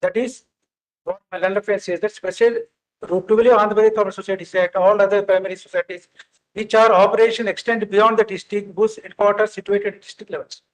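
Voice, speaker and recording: A man with an Indian accent making oral legal submissions as senior counsel, halting and repeating his words. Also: high-pitched, steady tone, rough recording. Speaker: senior counsel arguing in court. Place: courtroom, live-streamed hearing.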